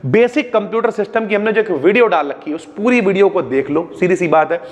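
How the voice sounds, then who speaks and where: A man's voice: brisk, long reverb tail. A young man with a North Indian Hindi accent gives a casual exam revision lesson, calling students brother and using homely examples. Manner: chatty, addresses students as bhaiya, homely examples, drops pitch on asides. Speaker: exam-prep teacher.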